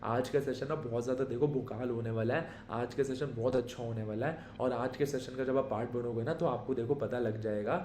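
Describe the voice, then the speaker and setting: A man imitating a dull, low-energy salesperson who murmurs flatly and softly, in an echoey room. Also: fairly quick, hardly any pauses, slight background noise, lightly acted. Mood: droning. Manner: flat, murmuring, whispery-soft delivery.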